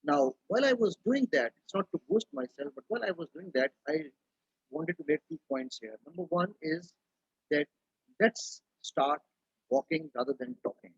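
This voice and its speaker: Middle-aged man, husky and gravelly, fairly high voice, earnest panel talk. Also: sing-song, normal speed, no echo, dull audio. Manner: earnest, emphatic, rhetorical questions. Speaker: webinar panelist.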